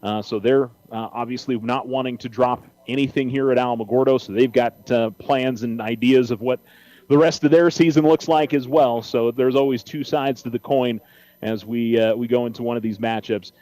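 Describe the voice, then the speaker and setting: A man's voice: medium pitch, steady tone, normal speed, dark tone, no room sound, rough recording. American man giving baseball pregame commentary. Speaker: sports radio host.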